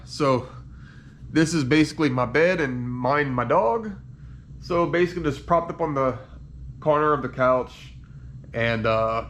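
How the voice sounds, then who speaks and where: A man recording a casual video diary while in pain and on painkillers after surgery, congested with a head cold, speaking haltingly and trailing off. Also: medium pitch, fairly bright tone, slight background noise. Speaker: patient giving a recovery update.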